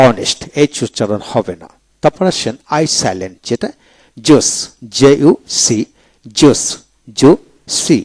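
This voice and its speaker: A man teaching English pronunciation in a video lecture, spelling each word letter by letter and then repeating it slowly. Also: medium pitch, darkish tone, no room sound.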